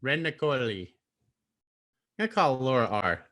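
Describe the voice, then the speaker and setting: A man's voice: medium pitch, sing-song, normal speed, pushed and bright. A man co-hosting a live online talk show, telling rambling stories in a laid-back, casual way. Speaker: co-host. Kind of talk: casual chat.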